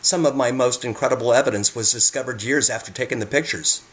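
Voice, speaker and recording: On a rough recording, a man speaks fast in a mid-range, slightly bright voice. He is earnestly reading a script to the viewer as he presents his own photographs.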